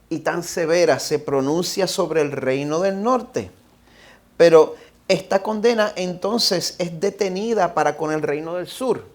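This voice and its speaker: A Puerto Rican-accented male pastor preaches a sermon in a slightly high voice. He reads scripture slowly and emphatically. Then he exhorts his listeners directly. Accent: Puerto Rican Spanish. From Puerto Rico. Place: church sanctuary.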